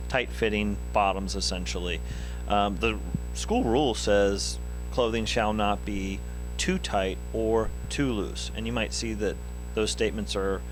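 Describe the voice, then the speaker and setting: A middle-aged man, a school principal, answering interview questions in a measured, halting way with frequent ums and uhs. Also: fairly low pitch. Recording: noisy school video recording.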